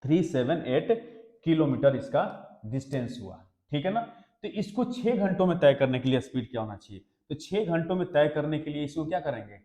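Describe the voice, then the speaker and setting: Guy teaching exam maths, bit high voice, keeps asking "clear?", echoey classroom sound. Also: animated, moderate pace, warm tone. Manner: explains step by step, keeps asking the class questions. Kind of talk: exam-prep maths lesson. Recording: echoey room.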